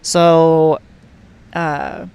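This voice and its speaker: His voice sits on the high side with little pitch movement, extremely slow, creaky, a little mellow and smooth. Wearing a headset in a heated room at home, he streams a park-building game and chats in a rambling way, using many fillers and restarts.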